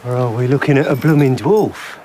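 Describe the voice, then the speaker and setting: An actor playing a mocking, menacing lout in a film drama. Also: male voice, mid-range voice, brisk, dark tone, slight background noise, close to an everyday voice.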